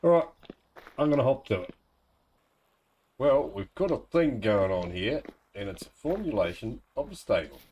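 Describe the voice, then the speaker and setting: Mellow, laid-back New Zealand man. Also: mid-range voice, sing-song, normal speed, pauses often, highs cut off, slight background noise. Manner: laid-back, colloquial, thinking aloud. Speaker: gamer narrating own let's play. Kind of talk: casual gameplay commentary.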